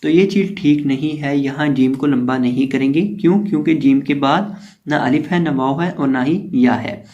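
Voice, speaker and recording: A man teaching Quran reading. He spells out each letter, draws syllables out slowly, and explains patiently with lots of repetition. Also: fairly high pitch, dark tone, muffled recording. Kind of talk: step-by-step recitation lesson.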